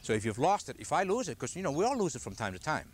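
A man's voice: fairly high pitch, very animated, rapid-fire, slight background noise. An older man teaching a golf clinic outdoors, patiently asking the group questions as he explains. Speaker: golf instructor. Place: outdoors on a grassy driving range. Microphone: camcorder from a distance.

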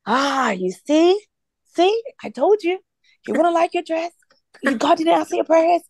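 A woman's voice: very high-pitched, animated, unhurried, darkish tone, no echo, voice pushed up, heavily acted. A woman voicing a taunting evil spirit that mocks and gloats. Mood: mocking. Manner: jeering, singsong taunts.

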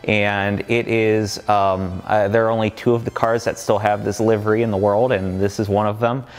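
A man's voice: lowish voice, flat delivery, moderate pace. Enthusiastic man in echoing garage. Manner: enthusiastic, fact-heavy, many fillers. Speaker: company collection guide. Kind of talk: casual walkaround explanation. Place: large underground parking garage. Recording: long garage reverb.

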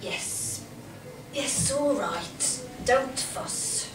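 On a small indoor stage, an older woman plays a confused, childlike, querulous elderly mother in a staged play reading, furtive and fretful, using a full character voice that sits high with lively intonation and drawn-out words over music. A far camera picks her up, making the small theatre sound echoey, distant and noisy.

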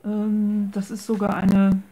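A woman presents her handmade journal in a craft video at an indoor tabletop, speaking slowly in a gravelly, dark, medium-pitched voice with completely flat delivery. A native German speaker, she's casual and hesitant, searching for words and mixing English craft terms in.

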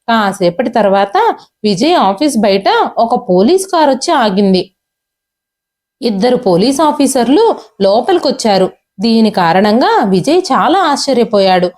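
Female storyteller, scripted narration, even delivery, slightly high pitch. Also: moderate pace.

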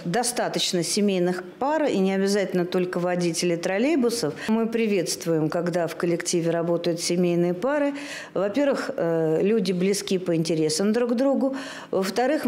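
A woman's voice: mid-range voice, darkish tone. A woman in her fifties, a trolleybus depot director, speaking in an orderly, official way in an interview in her office.

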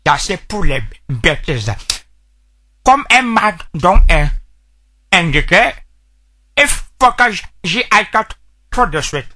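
A man's voice: high-pitched, sing-song, slow pace, long pauses, bright, forceful tone, exaggerated voice. A man playing a stammering young man who keeps repeating syllables in a comedy sketch. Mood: pleading. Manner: heavy stutter, repeats syllables.

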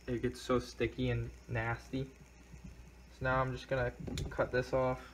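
A young man casually narrating a car repair as he works, chatty and thinking out loud. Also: medium pitch, slight background noise, poor audio. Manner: relaxed, chatty, thinking aloud while working. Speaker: car DIY video maker.

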